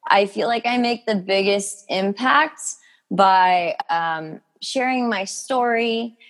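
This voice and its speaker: A young woman, appearing as a podcast guest, tells her health story at a slow pace in a mid-range voice. She talks casually and personally, scattering plenty of filler like "you know" and "like" through her speech.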